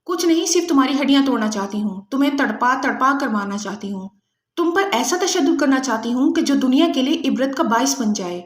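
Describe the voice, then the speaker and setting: A woman's voice: high voice, animated, reverberant. A woman voicing a ruthless female agent who taunts her captive with cold sarcasm. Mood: sarcastic menace. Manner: mocking, sarcastic, menacing.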